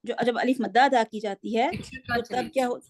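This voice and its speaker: High-voiced woman teaching online. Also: fairly even intonation, crowd noise. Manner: patient, corrects students step by step. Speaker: Quran reading teacher. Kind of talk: online class instruction. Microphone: computer mic on a video call.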